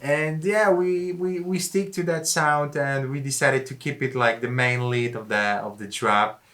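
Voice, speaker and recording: This music producer breaks down a track in a relaxed studio tutorial while music plays in the background. His medium-pitched voice sounds steady and sharp, moving at a measured pace, and his informal wording carries a slightly non-native feel.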